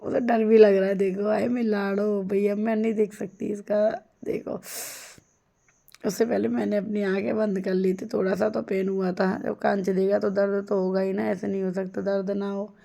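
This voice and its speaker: A woman's voice: medium pitch, flat delivery, normal speed, creaky, mellow. A young adult woman chatting casually as she tells the story of her day in a home vlog. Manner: chatty, storytelling, laughs often. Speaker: vlogger.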